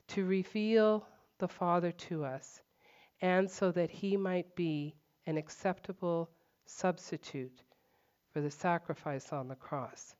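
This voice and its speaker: Woman teaching the Bible, smooth and emphatic. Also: lowish voice, a little mellow. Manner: conversational, emphatic, many fillers. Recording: dull lo-fi recording.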